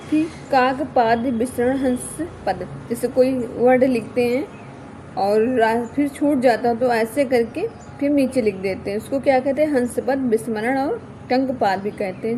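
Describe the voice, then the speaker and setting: A woman's voice: on the high side, warm tone, a little hiss or hum. A woman teaching an exam-prep grammar lesson, who keeps asking "kya?" and then repeats her key points.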